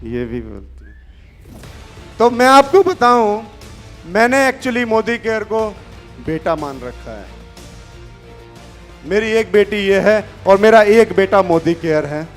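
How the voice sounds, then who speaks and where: A middle-aged man, giving a fervent stage motivational speech that swings between quiet intimate passages and loud shouts. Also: high-pitched, big pitch swings, slow, pauses often, faint music behind. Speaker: motivational speaker.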